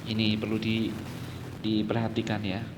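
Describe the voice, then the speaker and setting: A man's voice: on the low side, monotone, normal speed, long reverb tail, music in the background. A man with an Indonesian accent explains public speaking methods to an audience, often adding "nah" and "ya". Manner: explanatory, addresses listeners, frequent "nah" and "ya". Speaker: instructor. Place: office or meeting room.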